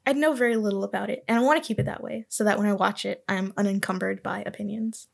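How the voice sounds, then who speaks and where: A woman's voice: medium pitch, steady tone, quick pace, vocal fry. A woman co-hosting a podcast in casual chat, rambling and correcting herself as she gives vibes-based opinions. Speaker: podcast co-host.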